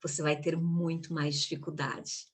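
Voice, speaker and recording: A woman's voice: low voice, level tone, normal speed. Woman teaching public speaking on a video call, punchy, lots of rhetorical questions, stretches words out. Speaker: communication speaker, guest of an online live. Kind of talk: online lecture on public speaking.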